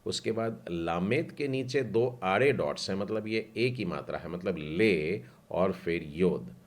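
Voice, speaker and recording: A man's voice: sits low, a little slow. A man teaching a language class, patiently spelling out letters and syllables one by one before saying each whole word.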